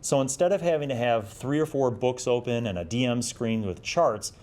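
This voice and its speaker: The host of an old gaming review series, a man in his forties, talks on his own in a relaxed, reflective manner, explaining and reminiscing as he reviews. He speaks at a moderate pace with a medium-pitched, slightly mellow voice.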